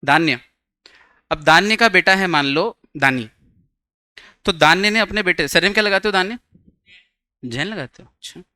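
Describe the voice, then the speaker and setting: A man's voice: high voice, normal speed, pauses often, sharp tone, dry recording. A young man teaching a law class, chatty and teasing, quizzing his students with jokes.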